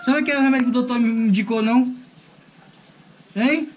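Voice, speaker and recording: A high-pitched man filming a casual prank vlog. He coaxes and teases in a joking, laughing voice, with a faint hum of noise in the background. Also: fairly quick. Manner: teasing, laughing, coaxing. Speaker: vlogger.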